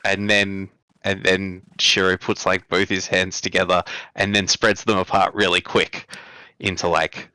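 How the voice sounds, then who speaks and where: A man's voice: low voice, level tone, a little slow, pushed and bright, dry recording. A man casually describing his character's moves as a player in an online tabletop game.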